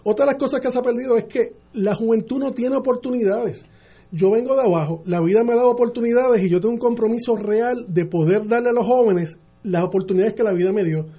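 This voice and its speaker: A man's voice: very high voice, mellow, husky. A middle-aged man with a Puerto Rican accent, a candidate answering questions in a radio interview with many restarts. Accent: Puerto Rican Spanish. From Puerto Rico. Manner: earnest, halting with many restarts. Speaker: mayoral candidate guest.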